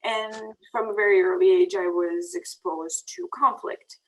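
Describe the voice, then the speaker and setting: A woman's voice: medium pitch, expressive, measured pace, a little hiss or hum, poor audio. A woman in her thirties from Bosnia and Herzegovina, giving a presentation over slides with many ums and restarts. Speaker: peace fellow giving a presentation. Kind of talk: prepared talk over slides.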